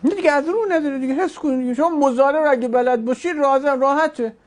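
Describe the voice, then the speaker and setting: A woman with a high-sitting, darkish voice teaches an online Arabic grammar class on verb conjugation. She explains patiently, step by step, using examples.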